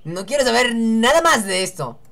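A woman's voice: on the high side, big pitch swings, normal speed, creaky, a bit bright. A young woman hosting a let's-play, chatting and joking to herself as she reads game dialogue aloud. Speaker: gaming channel host.

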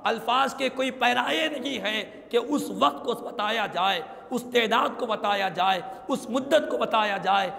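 A man preaches an emphatic, declamatory religious sermon laced with Arabic quotations, seated before an audience in a small indoor prayer hall. His voice is very high-pitched and creaky with a sharp tone, moving at a measured pace with hardly any pauses, and a long reverb tail follows it. He is picked up by both a stand microphone and a clipped lapel mic.

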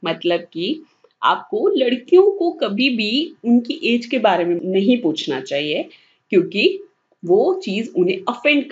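A woman teaching English vocabulary online in Hindi mixed with English, saying each word slowly and then repeating it. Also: mid-range voice, dull audio. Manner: mixes English words into Hindi explanations.

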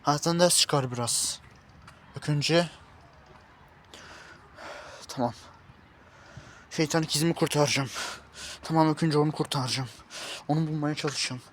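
A man acting out a homemade drama, frantically calling out and then calming himself in hushed tones. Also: a little high, moderate pace, long pauses, slight background noise. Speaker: YouTube series creator playing himself as an agent.

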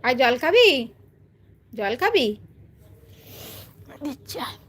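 Woman live streaming, sweet high voice, babying her pet bird, light lilt. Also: big pitch swings, slow pace. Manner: coaxing, doting baby-talk to her bird.

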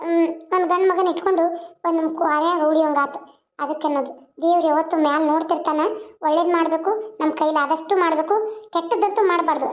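A wise young village woman from a cartoon serial, voiced by a woman, moralizing. Her voice is very high and she talks fast. The sound is dull and lo-fi. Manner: preachy, moralizing.

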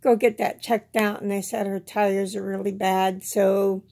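A woman's voice: mid-range voice, flat delivery, measured pace, darkish tone. A middle-aged woman giving a casual, rambling personal update to camera, plainspoken, with slightly slurred, toothless articulation. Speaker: vlogger. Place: small indoor room at home. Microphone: phone at arm's length.

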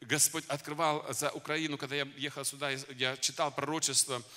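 Guy preaching a sermon, fervent and pushy, bright forceful voice, big echoey hall. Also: on the high side, level tone, brisk. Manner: fervent, exhorting address to the congregation. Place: conference hall. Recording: long hall reverb.

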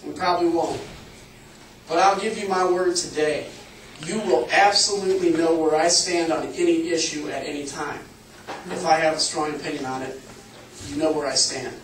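A man's voice: a little high, steady tone, normal speed, slight background noise. A man in his thirties from Illinois, giving a campaign speech at a town hall in an earnest, conversational way. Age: 30s. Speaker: congressional candidate. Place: public meeting room. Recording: echoey room, far from the mic, faint ambience.

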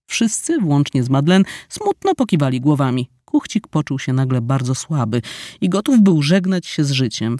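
Expressive male audiobook narrator. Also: medium pitch, no room sound, clean studio sound. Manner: expressive, ironic storytelling. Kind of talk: scripted narration. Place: studio.

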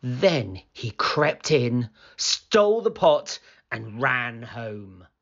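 A man reading a children's storybook aloud as a channel host, in a slow, expressive, sing-song bedtime-story manner. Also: mid-range voice. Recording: slightly dull lo-fi sound.

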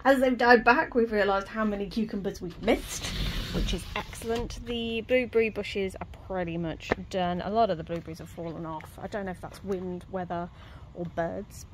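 A woman gives a casual, self-mocking walk-through of her allotment garden, filmed outdoors on a handheld phone while she stays off-screen. Her medium-pitched voice keeps a fairly even intonation at normal speed, and she's chatty and quick to laugh. The recording is rough, with some hiss or hum and faint outdoor ambience.

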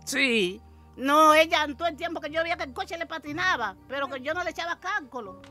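High, bright older woman. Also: fairly quick, soft background music. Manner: animated storytelling, acting out shouts and quotes. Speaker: mother telling her story. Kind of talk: interview storytelling.

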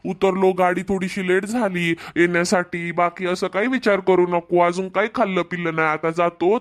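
A man voicing a scheming, two-timing husband who placates his wife and flatters his girlfriend, with a Marathwada Marathi accent. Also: high voice, close to an everyday voice. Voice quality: smooth-talking, placating.

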